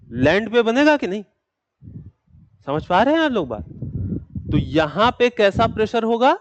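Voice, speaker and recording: A man's voice: high voice, no echo, highs cut off. A man teaching a geography class, asking his students questions and answering them himself, then dictating notes. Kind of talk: classroom lecture.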